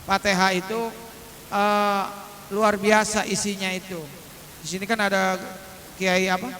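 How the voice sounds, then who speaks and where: A middle-aged man gives a lighthearted religious lesson to a congregation, in a bright voice. He talks at an unhurried pace, chanting verses slowly to demonstrate their pronunciation and adding colloquial jokes. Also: high voice, level tone, slight background noise. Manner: joking, colloquial asides to the congregation. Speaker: Islamic preacher.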